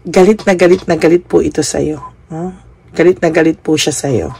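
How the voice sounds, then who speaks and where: Gravelly woman giving a polite tarot reading. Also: sits low, fairly even intonation, moderate pace, dark tone, slight background noise. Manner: polite, adds "po" and a questioning "no?" after almost every phrase. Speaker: tarot card reader. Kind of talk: tarot reading addressed to viewers.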